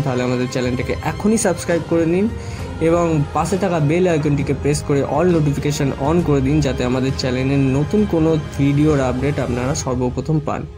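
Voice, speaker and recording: Male travel host, voice a bit high, scripted guide read for viewers. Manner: addresses viewers as friends, lists costs and routes.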